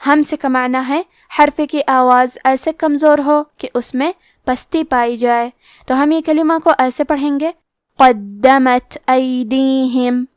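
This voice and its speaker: A woman teaching Quran recitation rules, explaining each letter and rule slowly and carefully. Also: high voice, fairly even intonation, no room sound, clean studio sound. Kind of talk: tajweed lesson explanation.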